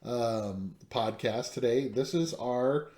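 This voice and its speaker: A man's voice: medium pitch, takes it slowly, a little mellow. Chatty podcast host man, echoey room. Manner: rambling, lots of fillers and restarts, laughs easily. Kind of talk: casual podcast chat.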